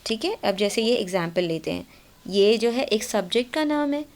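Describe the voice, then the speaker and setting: A woman's voice: on the high side, lively intonation, moderate pace. A woman with an Indian accent teaching a grammar class. She explains patiently, switches between Hindi and English and keeps checking that students follow.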